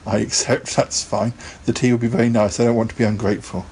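A man's voice: medium pitch, flat delivery, fast talker, a little mellow, slight background noise. A man hosting a casual live podcast, chatting in a rambling way and laughing often. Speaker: podcast host.

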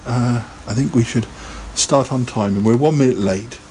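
A man's voice: medium pitch, normal speed, dark tone, slight background noise. A man hosting a casual live podcast, chatting in a rambling way and laughing often. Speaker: podcast host.

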